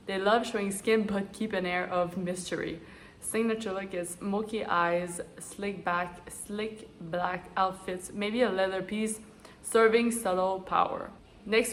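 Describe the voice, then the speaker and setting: A woman's voice: mid-range voice, a bit bright, slight background noise. A woman with a stuffy, congested nose chatting to camera as an astrology and style vlogger. She runs through lists of traits and drifts into chatty personal asides. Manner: chatty, list-like delivery with asides. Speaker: astrology and style vlogger, energy-healing coach. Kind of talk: casual talk to camera, listing traits.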